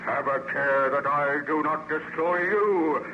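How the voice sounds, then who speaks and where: A bitter, menacing monster in an old radio horror drama. He declaims in archaic, grandiose phrases at a very deliberate pace. The recording is dull and clearly noisy. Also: a little high. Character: vengeful man-made monster, male, menacing, bitter and contemptuous. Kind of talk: old-time radio horror serial acting.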